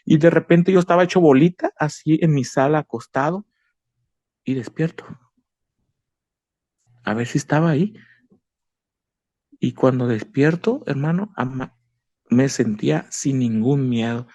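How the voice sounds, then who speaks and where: A man's voice: on the high side, unhurried, pauses often, warm tone, dry recording. A man giving an emotional personal faith testimony, earnest and repetitive, calling the listener brother. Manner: earnest, repeats himself, addresses the listener as brother.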